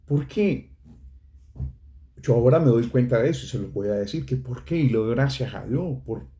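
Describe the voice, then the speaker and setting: A man's voice: mid-range voice, lively intonation, moderate pace, dark tone. A middle-aged man with a Nicaraguan accent giving an earnest, emotional personal faith testimony, addressing listeners as brothers. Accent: Nicaraguan Spanish.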